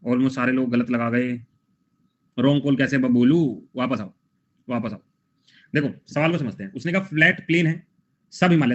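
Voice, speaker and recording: A young man teaching a live online class in a casual, chatty way, joking with students between quiz questions. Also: on the high side. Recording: dull lo-fi sound.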